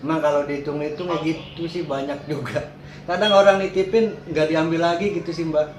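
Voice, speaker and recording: Fairly high in pitch and fairly quick, with fairly even intonation, a man answers interview questions informally about his cat boarding and grooming business. He often repeats words and affirmations. Background noise is clear, and the room is echoey.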